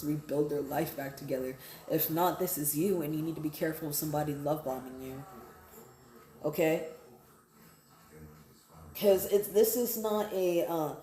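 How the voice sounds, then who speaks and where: In an echoey room, a woman with a deep, warm voice does a casual, improvised tarot reading. She speaks conversationally and repetitively to her viewers, often checking in with "right?" and "okay?".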